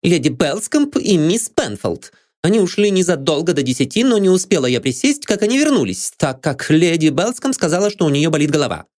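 A man voicing a sharp, haughty young lady's maid who is suspicious and quick to take offence, in a read-aloud storybook. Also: big pitch swings. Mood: scornful. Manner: shrill and indignant.

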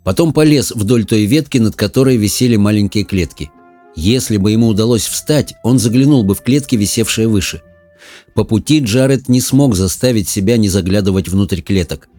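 Low, mellow male audiobook narrator. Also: moderate pace, faint music behind.

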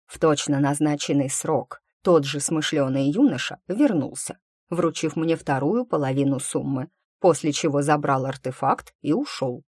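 A reader voicing an old, wry and guarded male magic teacher in an audiobook, telling his story in a measured, steady way. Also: mid-range voice, no room sound, clean studio sound, natural voice. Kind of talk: audiobook character reading.

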